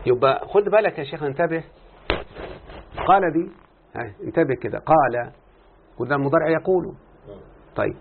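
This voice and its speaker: With an Egyptian Arabic accent, a morphology teacher leads a grammar lesson, quizzing students to coax out their answers. His voice is high-ish, gravelly and animated, fairly quick with frequent pauses, and there is slight background noise on a tinny, phone-like recording.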